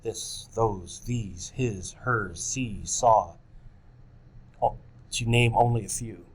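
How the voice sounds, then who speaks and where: A man's voice: lowish voice, takes it slowly, husky. A man giving scripted instructional narration for teachers, speaking directly to them as folks. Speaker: presenter of a teacher training video.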